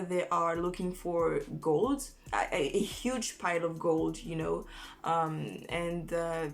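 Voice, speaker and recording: A woman chatting casually as an anime vlogger through a face mask, informal and halting, often correcting herself as she goes. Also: lowish voice. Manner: informal, halting, self-correcting with false starts. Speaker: anime review vlogger and host. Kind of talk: casual chat to camera, listing recommendations.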